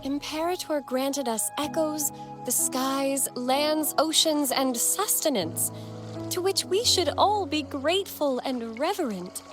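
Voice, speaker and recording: Pious eager young believer. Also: female voice, high-pitched, slow pace. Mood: earnest. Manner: earnest, devout, excitable. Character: earnest pious young female church member. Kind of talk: video game voice acting. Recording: game audio with music behind.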